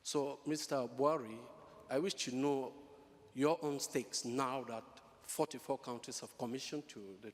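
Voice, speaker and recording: A man from Cameroon, a trade specialist, asking a formal, deliberate question from the audience. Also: mid-range voice. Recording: reverberant hall.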